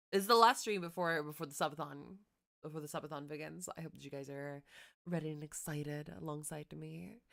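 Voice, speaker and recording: A woman's voice: deep voice, creaky, fairly bright tone, clean tone. A woman hosting a casual game livestream, chatting effusively and often repeating her words and phrases.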